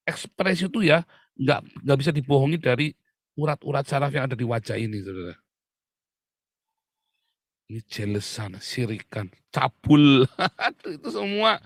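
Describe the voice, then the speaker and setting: Chatty, lively male preacher, dry sound. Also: fairly high pitch, dry recording. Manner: lively, chatty preaching with frequent laughs, addresses listeners as "saudara". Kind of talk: sermon.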